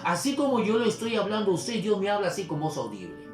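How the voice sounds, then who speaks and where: Self-assured insistent church lady, quoted by a male pastor, roomy echo, soft music behind. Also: sits high, big pitch swings, quick pace, voice pushed up. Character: insistent woman churchgoer, sure of her faith.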